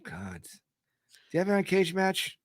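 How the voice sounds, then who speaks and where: A man's voice: sits high, big pitch swings, moderate pace, dry recording, clean studio sound. A man co-hosting a wrestling podcast in casual chat, joking, laughing often and thinking aloud. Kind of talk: casual chat on a live stream.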